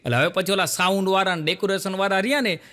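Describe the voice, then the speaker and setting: A man's voice: high voice, rapid-fire, bright, forceful tone. A man, a stand-up comedian telling folksy jokes on stage before a live audience, acting out the dialogue in his stories. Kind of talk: Gujarati folk comedy storytelling. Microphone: stage microphone.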